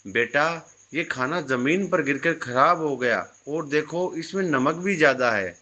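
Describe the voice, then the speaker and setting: A man voicing a gentle, soft-hearted young man. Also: fairly high pitch, lively intonation, unhurried. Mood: concerned.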